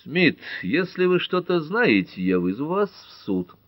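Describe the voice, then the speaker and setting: A man's voice: on the high side, big pitch swings, measured pace, no room sound, dull audio, pitched above the performer's own voice. A man doing a blunt old judge. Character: gruff older male small-town judge. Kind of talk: audiobook character voice.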